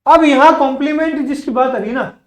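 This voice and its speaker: A man teaching spoken English in a classroom, explaining words in Hindi, then saying each English example sentence slowly and carefully, often repeating words and asking the class questions back. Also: very high-pitched, reverberant, poor audio. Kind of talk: bilingual classroom lesson.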